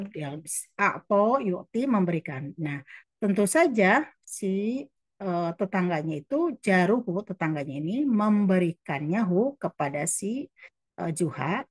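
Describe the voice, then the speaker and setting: A woman teaching Arabic who reads each phrase slowly, then translates it and explains it again. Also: fairly low pitch, no room sound.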